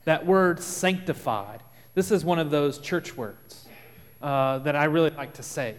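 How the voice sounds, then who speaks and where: Texan pastor preaching in a reverberant church. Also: male voice, a little high. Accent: Texas. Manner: earnest, explanatory, with dramatic pauses and shifts in volume. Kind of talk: sermon. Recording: long reverb of a large room.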